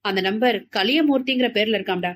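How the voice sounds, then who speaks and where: A woman voicing a blunt, impatient young man in an audio novel, speaking quickly and brusquely. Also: on the high side, fairly bright tone.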